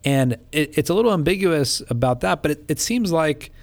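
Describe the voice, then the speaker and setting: A man's voice: a little high, animated, brisk, vocal fry, no room sound. A man co-hosting a podcast in a casual, conversational way, asking questions and adding comments. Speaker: podcast co-host.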